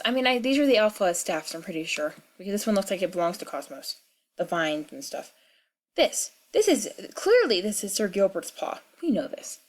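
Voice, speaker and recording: A young woman with a cold rambling through casual gaming commentary at home, chatty and full of fillers and asides. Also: medium pitch. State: sick with a cold, clearing throat. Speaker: gaming vlogger. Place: at home in the country.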